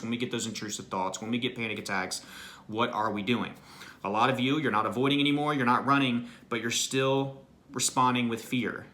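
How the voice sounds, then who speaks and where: A man's voice: mid-range voice, pushed and bright. A man speaking as an anxiety recovery coach, giving an earnest, motivational self-help talk and often checking in with "right?" and "you know".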